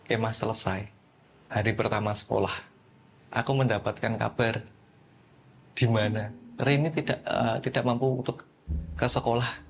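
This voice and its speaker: A man giving an earnest, measured testimony about a friend's possession. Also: fairly low pitch, fairly even intonation, a little hiss or hum. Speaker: interviewee, friend of the possessed girl. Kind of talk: testimony narration.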